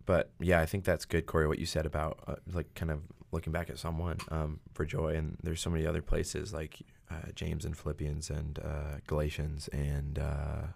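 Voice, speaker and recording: A man's voice: extremely low pitch, completely flat delivery, normal speed, creaky, few pauses, darkish tone. A man hosting a podcast, talking casually about faith with many fillers and acting out quotes in a raised voice. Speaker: podcast host.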